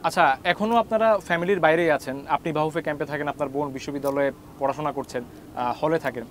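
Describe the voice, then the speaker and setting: A man's voice: fairly high pitch, quick pace, slight background noise. A man, a TV sports host asking questions with frequent hesitation fillers. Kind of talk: interview questions.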